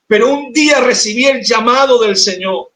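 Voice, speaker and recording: A man with a Colombian accent, preaching a sermon as pastor and telling an emotional testimony, at times soft and at times shouted. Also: extremely high pitch, normal speed, a little hiss or hum. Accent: Colombian Spanish. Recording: roomy, distant mic in church.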